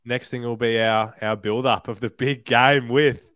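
A man's voice: medium pitch, fairly even intonation, a little slow, a bit bright, no room sound, clean studio sound. A man with an Australian accent co-hosting a football podcast in casual, conversational chat. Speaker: podcast co-host.

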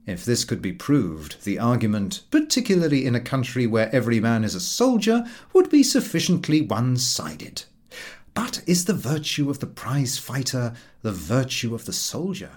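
A man with a mid-range voice narrates an audiobook of a humorous literary essay. His reading is measured, wry and expressive.

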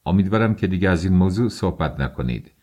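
A man voicing a haughty middle-aged suitor who speaks in a stiff, contemptuous, measured way, in an audiobook. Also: sits low, animated, darkish tone. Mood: cold.

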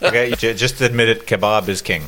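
A man's voice: lowish voice, steady tone, fairly quick, sharp tone, slight background noise. A man co-hosting a podcast, teasing the guest with dry jokes. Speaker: co-host. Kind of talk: casual podcast banter.

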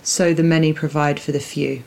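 A young woman co-hosts a casual podcast, answering with dry, sarcastic jokes. Her voice is very low and full of gravelly fry. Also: level tone, normal speed, darkish tone. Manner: dry, joking asides. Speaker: podcast co-host.

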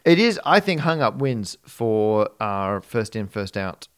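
A man's voice: lowish voice, sing-song, measured pace, clear, resonant tone. Australian man chatting casually. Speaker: podcast co-host. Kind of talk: casual chat.

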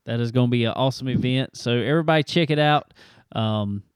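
A radio show host chats casually in a laid-back, joking way, drawling his filler words. His mid-range voice is fast, clear and resonant, and the dry recording has studio quality.

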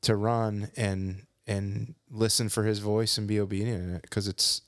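A man's voice: lowish voice, little pitch movement, measured pace, no room sound, studio quality. A man co-hosting a casual faith podcast, speaking earnestly and encouragingly with frequent restarts. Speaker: podcast co-host.

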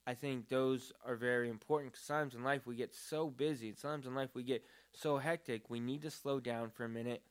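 A man's voice: mid-range voice, fairly even intonation, brisk, few pauses, clean tone. A man talking about prayer in a casual, earnest and rambling way, with many fillers. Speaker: podcast co-host. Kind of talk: casual faith talk.

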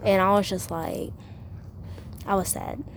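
A young woman guesting on a podcast, chatting freely and peppering her talk with "like". Her pitch sits in an ordinary middle range, with a faint hiss in the background. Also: steady tone, unhurried. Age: young adult. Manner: chatty, fills speech with "like". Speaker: guest, college student. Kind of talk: casual chat.

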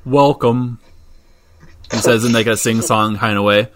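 A man narrating as game master in a tabletop game over an online call, relaxed and full of fillers. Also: fairly low pitch, fairly quick.

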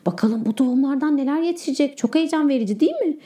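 A woman's voice: sits high, animated, fast talker, mellow. A woman voicing a cheerful mother who coaxes her young son along in a children's storybook. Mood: coaxing.

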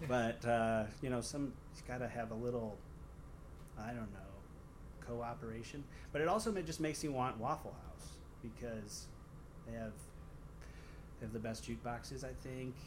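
A man's voice: mid-range voice, moderate pace. A man with a Michigan, Great Lakes American accent, chatting casually in a rambling, dryly joking way. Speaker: stand-up comedian guest. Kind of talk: casual chat. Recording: noisy background ambience.

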